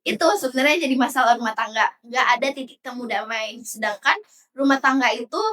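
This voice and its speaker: A young woman with a high, bright voice chats casually on a podcast and spells out her opinions in long turns. She slips into quick acted-out examples along the way. Her voice sits a little back from the microphone. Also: steady tone, far from the mic. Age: young adult. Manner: talkative, explains at length with acted-out examples. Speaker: podcast co-host. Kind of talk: casual chat.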